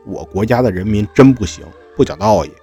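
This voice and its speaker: A man doing a brisk commanding king. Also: fairly low pitch, expressive, mellow, faint music behind, lightly acted. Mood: ashamed. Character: curious male king, quick to judge.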